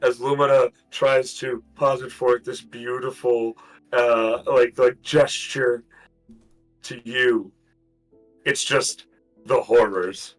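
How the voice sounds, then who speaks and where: A man's voice: medium pitch, steady tone, takes it slowly, faint music behind, poor audio. A man narrating as game master in a tabletop game stream, rambling with lots of fillers.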